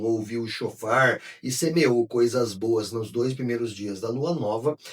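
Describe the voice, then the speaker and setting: A man's voice: mid-range voice, breathy edge, recorded from a distance. An older man gives a spiritual teaching, speaking emphatically and straight to his viewers. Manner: emphatic, addresses viewers directly, bursts into shouts. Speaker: Kabbalah teacher.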